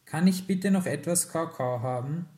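A man's voice: fairly high pitch, normal speed, darkish tone, reverberant, pitched above the performer's own voice, close to an everyday voice. A man playing an earnest teenage son. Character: kind-hearted teenage boy, the family's son.

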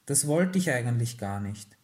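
A man's voice: medium pitch, animated, moderate pace, a little mellow, natural voice. A man voicing a startled, flustered teenage girl in a read-aloud story.

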